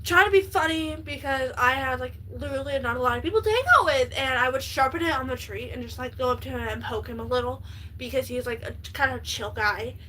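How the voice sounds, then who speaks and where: A woman livestreaming, telling stories in a rambling, excitable, casual way. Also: high voice, fast talker, a little hiss or hum, low-quality recording.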